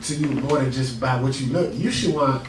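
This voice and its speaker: A man in his twenties co-hosting a casual chat, talking loosely with many fillers. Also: mid-range voice. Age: 20s. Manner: fast, loose, filler-heavy talk. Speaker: co-host. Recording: roomy, distant mic, noisy.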